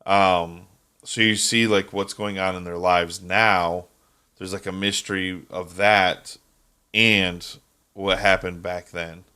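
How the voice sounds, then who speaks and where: Hombre de voz grave y nítida, charla relajada. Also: male voice, sits low, flat delivery, slow, sharp tone, clear, resonant tone. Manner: rambling, stumbles over names, laughs easily. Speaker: podcast co-host. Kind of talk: casual chat.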